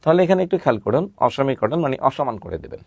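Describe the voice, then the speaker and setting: A man's voice: medium pitch, big pitch swings, gravelly, breathy edge, no room sound. Patient male teacher, dry close sound. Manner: patient, repeats words slowly, asks and answers own questions. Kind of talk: recorded grammar lesson.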